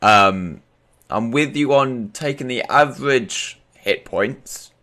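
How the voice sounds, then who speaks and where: A European man, a talk show host and game master, leads a casual, informal chat about tabletop games. He speaks slowly in a mid-range voice with a sharp tone, often repeating his phrases.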